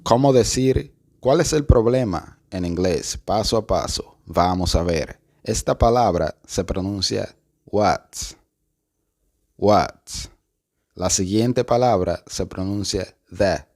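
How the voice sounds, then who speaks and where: A man's voice: low voice, takes it slowly, a little mellow. A man giving a patient step-by-step pronunciation lesson, saying each word twice. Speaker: English teacher.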